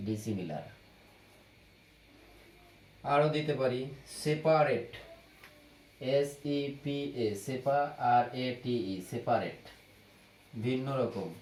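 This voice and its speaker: A man teaching vocabulary at a very unhurried pace, spelling out words letter by letter and saying each one again and again. His voice sits in a middle register. The room rings with echo, and a faint hiss of background noise runs underneath. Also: mid-range voice, animated, a little mellow. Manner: slow, patient, repeats each word several times.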